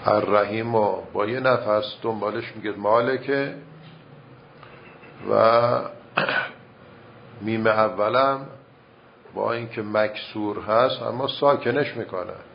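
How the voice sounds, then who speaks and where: A man teaching recitation rules in a measured, step-by-step way, reciting verse examples as he explains. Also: fairly low pitch, gravelly. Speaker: religious teacher. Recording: muffled lo-fi recording with faint noise.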